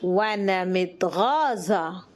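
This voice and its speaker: A woman with an Egyptian Arabic accent who teaches the language, saying each phrase slowly twice and then giving it in English. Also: fairly low pitch, expressive. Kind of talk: slow phrase drill for learners.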